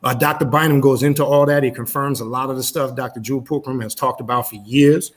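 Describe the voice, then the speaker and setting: A man with an ordinary, mid-range voice speaks as a livestream guest. He explains things in a measured way, often pausing on "uh" and "um" as he builds his point. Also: mid-range voice, steady tone. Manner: measured, explanatory, frequent "uh" and "um" fillers. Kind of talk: casual interview.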